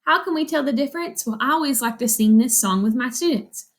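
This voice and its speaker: Reading a picture book to a group of kids, this woman teacher uses a high, expressive voice and moves a little fast. She teaches along the way, asking questions of the children and supplying the answers herself.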